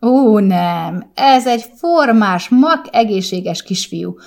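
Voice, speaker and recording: A woman reading a story, voicing a cheerful midwife who speaks in a bright, reassuring, unhurried way. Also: mid-range voice, lively intonation, voice pushed up, close to an everyday voice. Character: cheerful female midwife, matter-of-fact.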